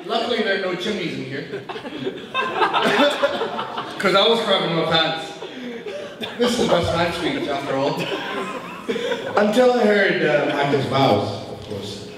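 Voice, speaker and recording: A man's voice: a little high, very animated, unhurried, long pauses. A man giving a comic best man's wedding toast, rambling, giggly and flustered, in an echoey hall with a noisy crowd, far from the mic. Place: large reverberant room at wedding reception. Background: loud wedding crowd.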